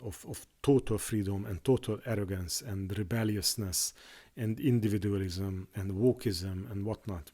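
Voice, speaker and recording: In an unscripted monologue on faith, a native Hungarian-speaking YouTuber talks in a fairly low voice with a darkish tone. He stumbles haltingly through each thought, restarting often and filling pauses.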